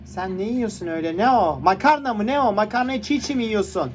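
A man's voice: sits high, a little fast, a little hiss or hum. A man hosting a reaction video, laughing, cooing and pleading at the funny clips he watches. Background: music from the clips.

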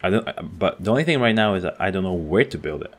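A man with a notably low-pitched voice talks through a video game in a casual let's-play style. He is excitable and chatty, thinking out loud as he explores. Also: fast. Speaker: gaming channel host.

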